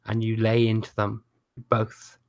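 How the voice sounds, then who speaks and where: A man's voice: fairly low pitch, monotone, unhurried, clean tone. Man running a tabletop game. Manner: hesitant, many fillers. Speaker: game master.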